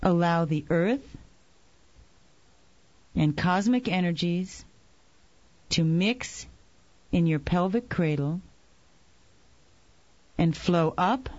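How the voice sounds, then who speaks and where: A woman leading a guided meditation, giving slow, calm instructions. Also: medium pitch, dry recording, highs cut off.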